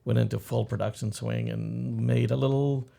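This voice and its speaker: A man co-hosting a podcast, speaking in a mid-range pitch with a gravelly, fry-heavy texture. He keeps things loose and laughs often. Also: moderate pace. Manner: laughs often, relaxed and joking. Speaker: podcast co-host. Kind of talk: casual chat.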